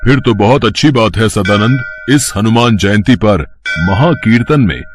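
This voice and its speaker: A man playing a pompous cartoon village chief who hands out orders. His voice sits a little low. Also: lively intonation, normal speed, noisy background, natural voice. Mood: pleased. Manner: commanding, self-important. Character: village headman, bossy and self-righteous. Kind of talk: cartoon voice acting.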